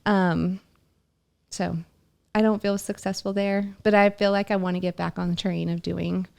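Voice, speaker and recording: A woman co-hosting a casual talk podcast, speaking in a reflective, soft-spoken way. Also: medium pitch, flat delivery, moderate pace, gravelly, clear, resonant tone. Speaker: podcast co-host. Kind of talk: casual conversation.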